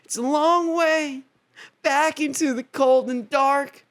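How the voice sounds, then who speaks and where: A man doing a high, earnest lover boy from a musical, sing-song and dreamy, slow delivery. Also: fairly even intonation, a bit bright, exaggerated voice. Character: naive young male lover boy hero from a musical.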